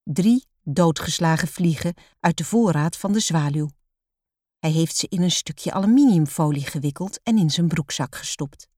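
A woman reading a children's storybook aloud in a calm, measured way. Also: low-pitched, dry recording, clean studio sound.

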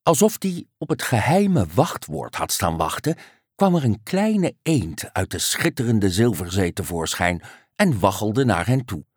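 A woman reading a children's story aloud in an unhurried, expressive way. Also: a bass voice, husky, no echo, clean studio sound.

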